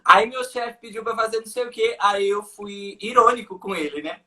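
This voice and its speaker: A man's voice: high-pitched, normal speed, sharp tone. A man with a Brazilian accent, hosting a casual live-stream chat and telling stories in a mocking, ironic way. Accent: Brazilian Portuguese. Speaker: host.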